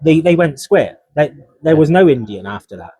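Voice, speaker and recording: A man's voice: a little high, big pitch swings, normal speed, warm tone, husky, no echo. A man co-hosting a podcast, chatting casually about motorcycle racing and reading from his notes. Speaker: podcast co-host. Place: motorcycle dealership event.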